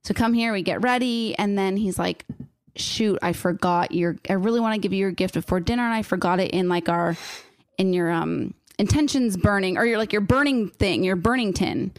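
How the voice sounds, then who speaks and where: A woman's voice: mid-range voice, moderate pace, no echo, studio quality. A woman in her thirties chatting casually, rambling and emotional, with "like" in every sentence. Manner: rambling, says "like" constantly, emotional. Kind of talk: casual chat.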